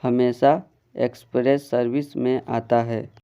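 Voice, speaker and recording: A man voicing a polite, quietly teasing restaurant waiter in a read-aloud joke. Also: medium pitch, little pitch movement, slow, a little hiss or hum.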